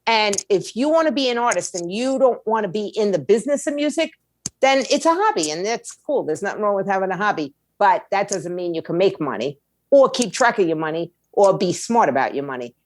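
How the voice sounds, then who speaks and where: With a brisk, sing-song delivery in a mid-range voice, this middle-aged woman gives straight-talking, streetwise advice as an interview guest on a podcast, framing her points as rhetorical questions. She works as a music attorney and runs an indie label. No room sound is heard.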